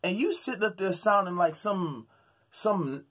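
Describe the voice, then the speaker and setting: A man's voice: high-pitched, expressive, unhurried, fairly bright tone, breathy edge. A man from Houston, Texas, ranting about sports as a vlogger in a fired-up, slangy way, often stammering and repeating words. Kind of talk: sports commentary rant.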